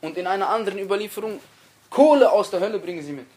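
A man delivers a religious lecture in a notably high voice. He preaches earnestly, repeating key phrases for weight and turning to his listeners directly. Quoted speech gets dramatic stress. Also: animated, rapid-fire, a little mellow.

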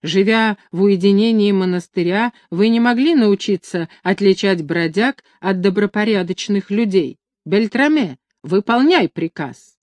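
A shrill, fussy young nobleman, as a woman reader puts him on. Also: expressive, unhurried, a little mellow, dry recording, close to an everyday voice. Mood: fawning. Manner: shrill, indignant exclamations. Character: pompous, fussy, hot-tempered young nobleman.

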